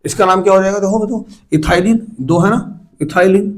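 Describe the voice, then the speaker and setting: A man's voice: high voice, brisk, rough recording. A man teaching a chemistry lesson to students, asking them questions and counting aloud as he works. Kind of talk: classroom lecture.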